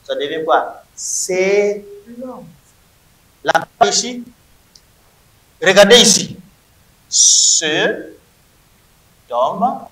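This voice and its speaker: A man with a high, bright voice gives a slow, emphatic classroom lesson. He drills each point by repeating words. The room is echoey. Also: lively intonation. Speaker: Hebrew teacher.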